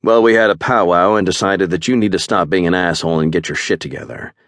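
A man's voice: deep voice, fast, fairly bright tone, no echo, clean studio sound. A man doing a brash, wisecracking warrior. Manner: wisecracking, blunt. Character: brash foul-mouthed male warrior, loyal.

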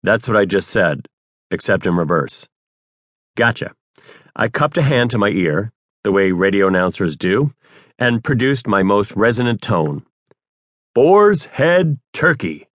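A man narrating his own memoir as an audiobook, with wry, deadpan humor. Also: fairly low pitch, moderate pace, no room sound.

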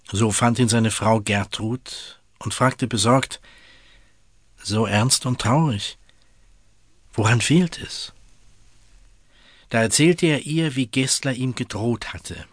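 A man narrating a retold classic story in an even, measured storytelling manner. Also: on the low side, no echo, studio quality. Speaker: audiobook narrator.

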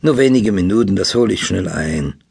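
A man doing a friendly, gravelly young weaver. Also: sits low, expressive, normal speed, a little mellow, heavily acted. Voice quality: gravelly husky. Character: kind, hardworking young weaver lad. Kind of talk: audiobook dialogue.

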